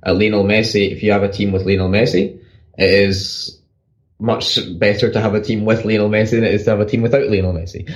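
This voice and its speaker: A man co-hosting a podcast, explaining football tactics in rapid bursts with frequent restarts. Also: lowish voice, flat delivery. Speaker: podcast co-host, football analyst. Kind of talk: casual analytical chat.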